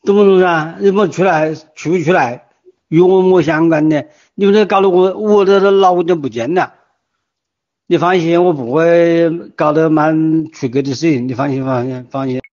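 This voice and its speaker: In muffled lo-fi phone messages to a group chat, an older resident near retirement speaks at a moderate pace in a slightly high, slightly mellow voice with a Wuhan accent. Distraught and agitated, he pleads and warns insistently, repeating himself in an informal way.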